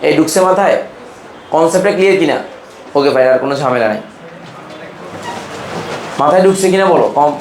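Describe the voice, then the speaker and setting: Guy teaching chem, keeps firing questions at the class, slightly high voice, echoey classroom. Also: a little hiss or hum. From Bangladesh. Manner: keeps quizzing students with quick questions; informal, brotherly tone with students. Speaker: chemistry teacher. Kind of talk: classroom lecture.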